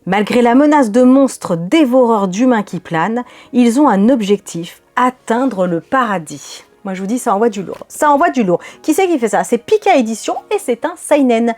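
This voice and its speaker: Lady with a slightly high voice rambling happily about the manga she just bought, reads the back covers out loud. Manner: chatty, animated, reads blurbs aloud. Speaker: manga vlogger. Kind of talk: casual manga haul video.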